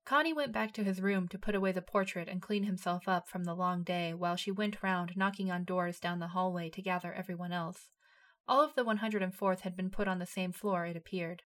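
A woman reads a story aloud in a steady narrating voice. She keeps an even, unhurried storytelling manner. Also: lowish voice. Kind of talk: reading fan fiction aloud.

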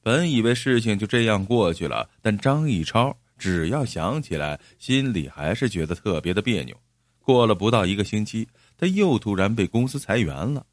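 A man narrating a story in a steady, measured storytelling manner. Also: fairly low pitch, no room sound, clean studio sound.

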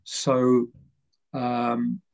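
A man's voice: medium pitch, completely flat delivery, drawn-out words, vocal fry, a little mellow. A man, a guest author, explaining his ideas in a rambling way full of fillers and restarts. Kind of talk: conversational explanation. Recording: muffled lo-fi audio.

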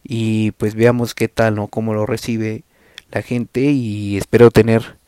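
A man's voice: fairly low pitch, level tone, unhurried, warm tone, clean tone, dry recording. A young man with a Mexican accent hosting a podcast, rambling casually with crude slang. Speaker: podcast host.

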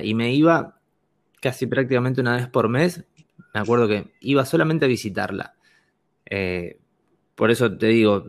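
Male guest, lively storyteller, lowish voice. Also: creaky. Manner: animated storyteller, laughs often. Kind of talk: casual chat.

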